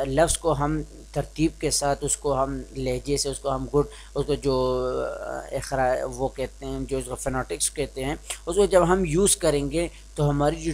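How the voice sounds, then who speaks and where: A man's voice: a little high, darkish tone. A young man from Pakistan giving an informal spoken lesson on reading skills, hesitant and restarting often, slipping into English phrases. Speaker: teacher explaining reading skills.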